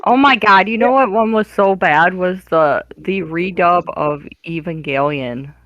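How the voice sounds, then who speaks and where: Woman, casual podcast chat, slow and giggly, dry sound, slightly lo-fi. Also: on the low side, dry recording. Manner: giggly, drawn-out storytelling. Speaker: podcast co-host.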